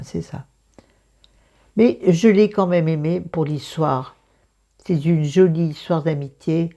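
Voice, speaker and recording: A woman with a croaky morning voice and vocal fry, chatting casually through a book review in a self-mocking, digressive way, thinking aloud. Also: low-pitched, dark tone.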